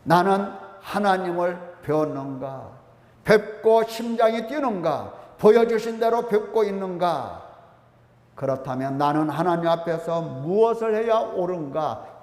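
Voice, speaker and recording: A man's voice: fairly high pitch, lively intonation, measured pace, darkish tone. A male pastor preaching a sermon in a church, emphatic, repeating phrases and prompting the congregation. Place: church sanctuary. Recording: echoey church hall.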